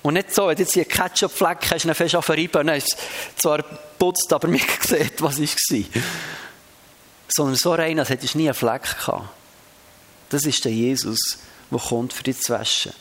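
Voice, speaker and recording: A man's voice: fairly high pitch, normal speed, a bit bright. A man preaching a sermon, reading scripture aloud with shifting emphasis and talking to the congregation in a conversational way.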